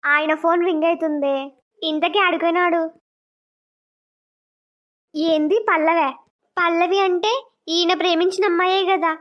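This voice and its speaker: A woman voicing a gentle young wife who questions softly and suspiciously, on a dull lo-fi recording. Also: extremely high pitch, steady tone, a little slow, pauses often. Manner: soft, questioning.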